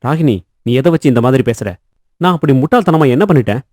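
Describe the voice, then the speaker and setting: A man voicing a dutiful elder son, quick and firm. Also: a little high, expressive, darkish tone, no echo. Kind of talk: cartoon voice acting.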